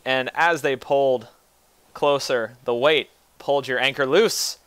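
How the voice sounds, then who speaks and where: A man's voice: mid-range voice, measured pace, a bit bright, clear, resonant tone, no echo. A man casually narrating a tabletop game as game master, with a wry, teasing manner.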